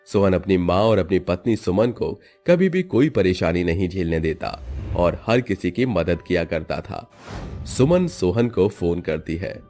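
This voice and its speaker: Man reading a story aloud, lowish voice, soft music under it. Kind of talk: scripted story narration.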